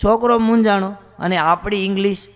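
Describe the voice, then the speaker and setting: A swami tells one comic story after another to a gathered audience. He speaks in a fairly high male voice with a brisk storyteller's rhythm and slips into the voices of his characters as he goes. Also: steady tone, a bit bright. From Gujarat. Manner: brisk joke-telling, acts out characters' voices. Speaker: swami giving a comic religious talk. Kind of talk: humorous storytelling talk to an audience.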